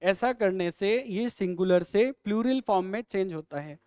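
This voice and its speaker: A man teaching English in a live online exam-prep lesson, quizzing students with quick questions and jokes. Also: high voice, darkish tone, clear, resonant tone, no echo, studio quality.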